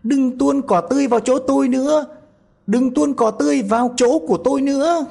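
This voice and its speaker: A tiny, daring boy no bigger than a thumb shouts in a shrill, piping voice. He is mischievous and loud. The voice underneath stays husky and soft-toned. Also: lively intonation, unhurried, heavily acted. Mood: panicked shouting. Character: tiny bold cheeky boy the size of a thumb.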